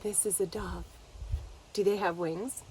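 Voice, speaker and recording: A woman's voice: mid-range voice, steady tone, unhurried, warm tone, a little hiss or hum, poor audio. A woman hosting a children's lesson, talking playfully and directly to the kids watching. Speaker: children's educator and show host.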